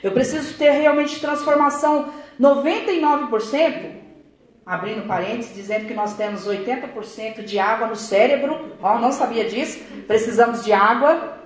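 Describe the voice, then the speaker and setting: A woman's voice: a little high, moderate pace, roomy sound. An older woman, preaching a testimony-style sermon. She keeps addressing the congregation as brothers and acts out remembered conversations. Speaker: church preacher. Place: church.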